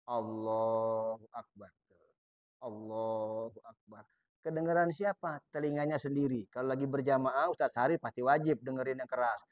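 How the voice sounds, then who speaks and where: A man teaching a dawn study session at a mosque, asking questions and answering them himself, and reciting prayer phrases slowly and softly. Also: sits high.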